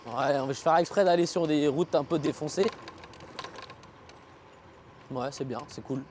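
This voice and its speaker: High-voiced man chatting casually while riding. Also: measured pace, background noise. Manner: informal, slangy, thinking aloud. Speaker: vlogger reviewing an electric scooter. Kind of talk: casual spoken vlog commentary while riding. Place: outdoors, riding on city roads.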